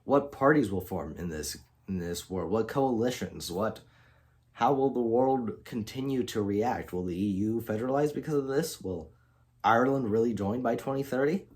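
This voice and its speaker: A man's voice: mid-range voice, moderate pace, a little mellow, slightly rough. A man casually telling an alternate-history story as the channel's host, often restarting and correcting himself mid-sentence. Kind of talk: unscripted storytelling narration.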